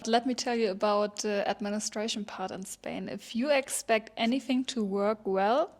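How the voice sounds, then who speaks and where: A woman's voice: mid-range voice, normal speed. A young woman from Germany, a non-native English speaker, chatting enthusiastically as co-host. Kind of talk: casual chat.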